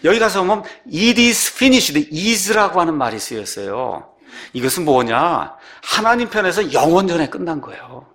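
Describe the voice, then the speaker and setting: A man's voice: big pitch swings, fairly bright tone. A man preaching a sermon, reading scripture aloud and asking his congregation rhetorical questions. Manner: reads scripture slowly, rises and drops sharply in pitch. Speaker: pastor.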